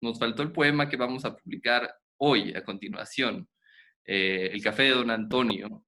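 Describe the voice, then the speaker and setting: A man hosting a podcast, asking questions in a lively, chatty way. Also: fairly low pitch. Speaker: podcast host, interviewer. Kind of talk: casual interview conversation.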